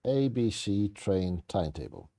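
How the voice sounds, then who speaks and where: Low, mellow man reading mystery trivia aloud. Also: lively intonation, unhurried. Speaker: co-host of a bingo game.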